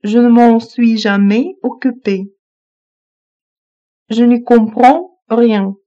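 Female phrasebook reader, slow and even, mellow tone, lo-fi dull recording. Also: fairly high pitch. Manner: reads each phrase twice, evenly. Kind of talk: slow repeated phrasebook reading.

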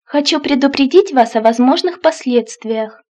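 A woman reading Russian phrasebook lines one at a time, in a clear, measured way. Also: high-pitched, warm tone.

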